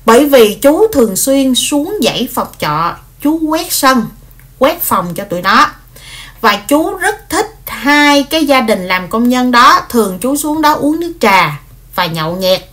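A woman tells a long story in a loose, chatty way. She stumbles over words and repeats herself as she goes. Her voice sits a touch higher than most women's. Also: unhurried. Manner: animated, frequent fillers and repeated words. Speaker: vlogger retelling a story. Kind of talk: casual spoken storytelling.

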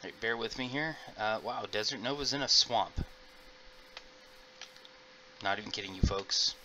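Chatty low-voiced man narrating gameplay. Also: measured pace, bright, forceful tone. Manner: chatty, rambling, talks to viewers. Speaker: gaming video host. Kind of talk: casual let's-play commentary. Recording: noisy home mic recording.

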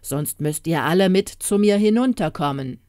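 A woman voicing a huge male sea giant who speaks in a slow, grumbling way. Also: on the low side, lively intonation, a little mellow, no echo, clean studio sound, natural voice.

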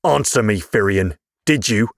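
A stern, worn-out father speaks in a very low, clipped voice, his words pushed through gritted teeth, as a male audiobook narrator puts him on. The recording is dry and close, with no room sound. He sounds tired but strict. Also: moderate pace, breathy edge, no room sound. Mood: angry. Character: stern tired middle-aged father, glassmaker.

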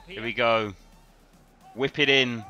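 Brief: male streamer, bright voice, animated play-by-play, slightly dull stream audio with faint game music. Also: medium pitch, slow. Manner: reacts loudly to the play, chatty and animated. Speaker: gaming livestreamer. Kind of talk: excited live gameplay commentary.

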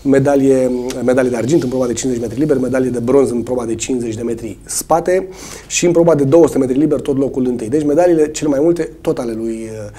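Hoarse coach, husky and mellow, hesitant delivery with frequent fillers. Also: male voice, mid-range voice. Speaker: swimming coach. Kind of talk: studio interview answers.

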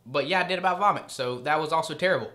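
A man's voice: on the high side, rapid-fire, sharp tone, reverberant. A man in his thirties talking casually as he hosts a challenge video.

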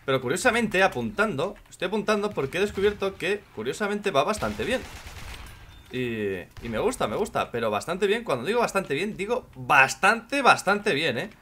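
A man from with a hoarse voice, commenting on his own gameplay in casual chat, joking and swearing a lot. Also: high voice, very animated, brisk. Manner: swears a lot and jokes, shouts when in danger.

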